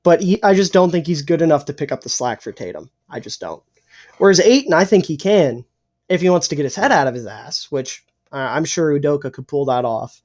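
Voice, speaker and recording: A young man co-hosting a casual sports podcast, opinionated and swearing freely, a little hoarse and clearing his throat. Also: on the high side, expressive, a little fast, darkish tone. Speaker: podcast co-host.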